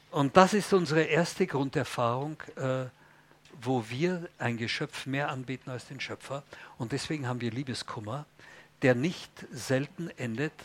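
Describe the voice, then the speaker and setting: A man's voice: mid-range voice, a bit bright. A man preaching a sermon in an emphatic way, often putting questions to the congregation.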